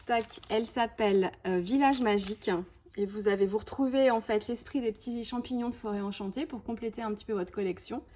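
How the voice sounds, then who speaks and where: A woman's voice: on the high side, fairly quick, a little mellow. A woman presenting a scrapbooking collection in a casual show-and-tell, chatty and full of small "hop" and "voilà" asides. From France. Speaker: scrapbooking video host.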